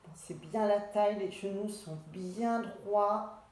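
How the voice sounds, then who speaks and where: A woman leading a pilates class, calmly cueing each movement and breath step by step. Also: mid-range voice, takes it slowly. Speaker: pilates instructor. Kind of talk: guided exercise class instruction. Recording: echoey room.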